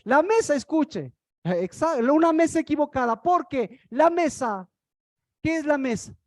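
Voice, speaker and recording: A woman's voice: high-pitched, animated, unhurried, no echo, studio quality. A woman preaching a sermon, firing rhetorical questions at the congregation.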